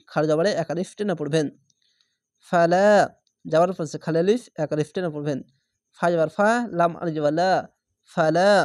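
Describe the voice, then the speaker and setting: Male Quran tutor, dry close sound, letter-by-letter spelling, slow drawn-out recitation. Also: fairly high pitch, darkish tone, dry recording. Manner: spells letters then draws out the whole word slowly. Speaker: Quran reading teacher.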